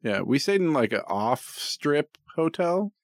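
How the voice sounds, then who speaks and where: A man's voice: on the high side, very animated, measured pace, no room sound, clean studio sound. A man talking casually as a co-host, informal and given to swearing. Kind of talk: casual chat.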